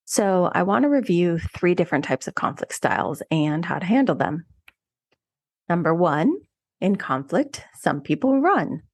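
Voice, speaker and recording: A woman's voice: low voice, no echo. A woman co-hosting a podcast, giving direct, conversational relationship advice with emphatic asides. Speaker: podcast co-host. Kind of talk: solo relationship advice segment.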